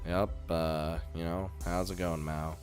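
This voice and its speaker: A man with a fairly low voice reads a game's narration aloud as he plays. He keeps cutting in with laughing, excited reactions. Quiet music plays under his voice. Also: a little slow. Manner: animated, laughs often, reacts loudly and jokes. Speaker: game streamer. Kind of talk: let's play, reading game text aloud with commentary.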